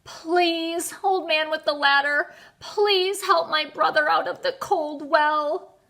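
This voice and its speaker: A woman's voice: high-pitched, animated, moderate pace, fairly bright tone. A woman voicing a frantic, breathless, dutiful little boy in a children's storybook. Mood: pleading. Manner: gasping, panting, stumbling over words. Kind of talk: children's storybook read-aloud.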